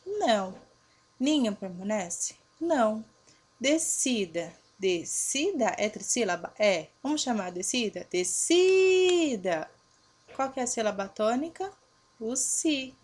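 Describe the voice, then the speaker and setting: A woman teacher, giving a recorded lesson to her pupils, patiently asking and answering her own questions and spelling out letters slowly. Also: a little high, animated, husky. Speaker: primary school teacher. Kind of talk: recorded remote grammar lesson.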